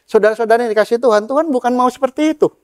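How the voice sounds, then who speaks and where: A man's voice: extremely high pitch, rapid-fire, smooth, dry recording, studio quality. A man preaching a sermon as pastor, with playful asides to the congregation, acting out God's words in a raised voice.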